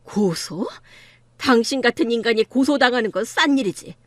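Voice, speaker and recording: A woman's voice: on the high side, expressive, moderate pace, dry recording, close to an everyday voice. A woman voicing a hurt, indignant mother in her fifties in an audiobook drama reading, talking with a pleading, reproachful edge. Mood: upset. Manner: pleading, then fiercely indignant.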